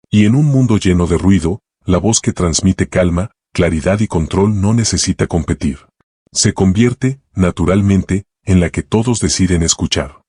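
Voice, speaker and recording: Deep-voiced guy narrating an audiobook, slightly raspy, steady and even. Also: no echo, studio quality. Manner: calm, measured, even delivery. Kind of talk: scripted narration.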